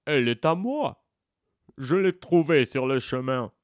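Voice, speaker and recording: A man voicing a patient, stubborn female tortoise in a storybook, in a plain, steady, firm voice. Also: medium pitch, measured pace, dry recording, clean studio sound, voice pushed up, close to an everyday voice.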